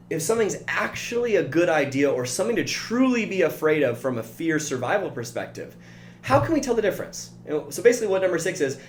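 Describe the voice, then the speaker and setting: A man coaching his listeners in an earnest, direct motivational talk. His voice sits slightly high for a man and rings in a roomy space. A faint hum runs underneath.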